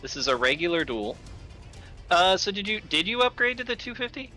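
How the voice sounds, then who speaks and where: A man streaming a game with friends, talking in an animated, playfully melodramatic way. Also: high-pitched, a little fast, soft background music. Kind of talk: casual gaming chat.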